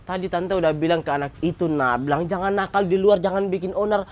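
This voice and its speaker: Lower-voiced woman scolding in a skit. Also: steady tone, fast talker, darkish tone. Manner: scolding, lecturing delivery. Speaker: comedy skit performer. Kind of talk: acted family comedy skit.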